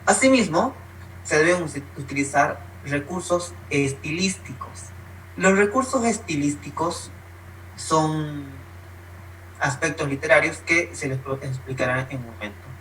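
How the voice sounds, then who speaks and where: A man's voice: a little slow, fairly bright tone, far from the mic, a little hiss or hum, poor audio. A man giving an online workshop lesson, explaining points step by step and acting out short spoken examples. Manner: instructive, uses spoken examples, varies pitch for emphasis. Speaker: workshop presenter.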